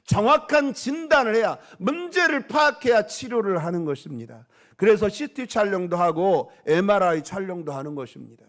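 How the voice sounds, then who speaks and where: A man's voice: sits high, lively intonation, normal speed, a bit bright. A male pastor preaching a sermon, calling out questions to the congregation and pressing his points with emphasis.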